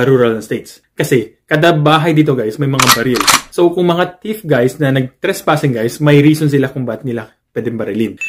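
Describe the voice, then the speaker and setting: A casual vlog from a Filipino nurse in his thirties, talking straight to his viewers. He slides back and forth between Tagalog and English and keeps calling his audience "guys," with a mid-range man's voice. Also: mid-range voice. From Philippines. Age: 30s.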